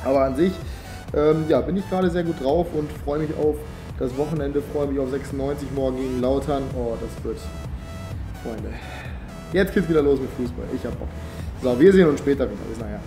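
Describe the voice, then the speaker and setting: A young adult man, a vlogger, chats casually to the camera in an upbeat, slangy way while nursing a slight cold. His mid-range voice is brisk and plays over music. He is recorded by a phone or camera held at arm's length, outdoors on residential streets and indoors in a living room.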